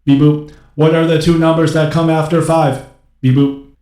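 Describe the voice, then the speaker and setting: A stiff, deadpan male robot, as a man puts it on, speaks in a flat robot voice, sprinkling beeps between formal, literal sentences. The voice sits a little high and rings in a roomy, echoey space. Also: moderate pace, close to an everyday voice. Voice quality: monotone robotic delivery with beeps. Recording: roomy echo.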